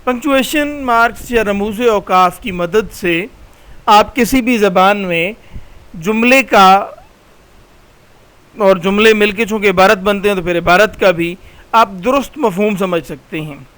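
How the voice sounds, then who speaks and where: A man's voice: high-pitched, unhurried, fairly bright tone, clear, resonant tone. A middle-aged man with a Pakistani Urdu accent, teaching a recorded slide lecture, patient and explanatory, repeating key terms.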